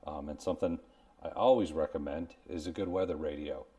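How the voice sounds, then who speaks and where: A man in his forties hosts a casual product review to camera from a small room at home, explaining things plainly. His bass voice is brisk and mellow, sounding far from the mic even though a clip-on lavalier is pinned to his shirt.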